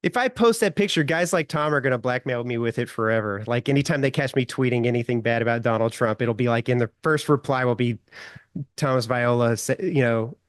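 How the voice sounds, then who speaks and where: Animated middle-aged man telling stories. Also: mid-range voice, brisk, no echo, studio quality. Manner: animated storyteller, chuckles often, many fillers. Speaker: guest writer. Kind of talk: casual anecdotal storytelling.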